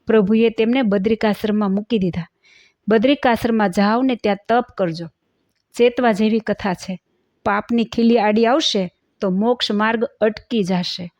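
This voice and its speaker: A woman narrates a devotional moral story, preachy and cautionary. Her voice is fairly high, and the recording is dull, dry and close. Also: a little mellow, no room sound.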